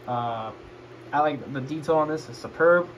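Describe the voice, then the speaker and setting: A man's voice: on the high side, normal speed. Tipsy, rambling man on a noisy recording. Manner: rambling and foul-mouthed. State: drunk. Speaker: host of a toy review video. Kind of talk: casual unscripted product review. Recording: noisy home recording, clear background noise.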